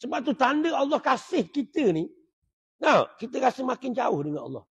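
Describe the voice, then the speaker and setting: A man's voice: very high-pitched, very animated, moderate pace, slightly rough. A man giving a conversational religious lesson, often checking with his listeners. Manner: conversational, keeps asking the audience "right?". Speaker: religious teacher. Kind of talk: sermon. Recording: dull lo-fi recording.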